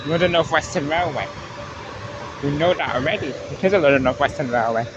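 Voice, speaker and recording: Guy vlogging trains on a platform, highish voice, chatty, repeats himself, really noisy muffled audio. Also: fairly quick. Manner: repeats phrases, reads out train numbers. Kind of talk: casual commentary to viewers. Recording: dull handheld audio, very loud station noise. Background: outdoor railway platform with trains.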